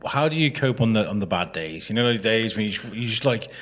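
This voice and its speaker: A man's voice: lowish voice, animated, quick pace, a bit bright. A man hosting a podcast interview in a casual, jokey way, asking loose, meandering questions. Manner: informal, jokey, loose half-finished questions. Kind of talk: casual chat.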